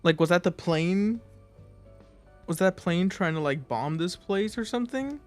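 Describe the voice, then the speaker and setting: A man's voice: high voice, lively intonation, a little slow, soft background music. A young man streaming a game and chatting casually, rambling with lots of filler words. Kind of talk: casual chat while gaming.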